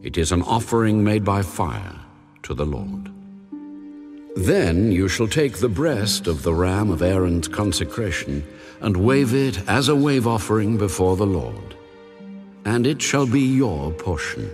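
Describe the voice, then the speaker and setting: God, deep and echoing. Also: male voice, sing-song. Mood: solemn, commanding. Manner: solemn, deliberate, authoritative. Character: God, solemn commanding male deity giving sacred instructions. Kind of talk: dramatized audio Bible reading. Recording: long reverb over background music. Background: music.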